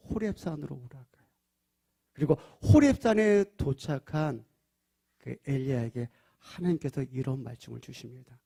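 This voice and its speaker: A male pastor preaching a sermon at a church prayer service. He asks the congregation questions and swings between loud, emphatic lines and soft, hushed ones. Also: fairly high pitch, gravelly, slightly rough.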